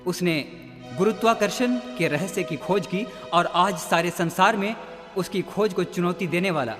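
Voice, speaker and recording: Guy preaching a dramatic sermon, keeps calling out to the listeners, echoey reverb and soft music behind. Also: high voice, measured pace. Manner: dramatic storytelling, often calls out to his listeners. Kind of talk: recorded radio-style sermon.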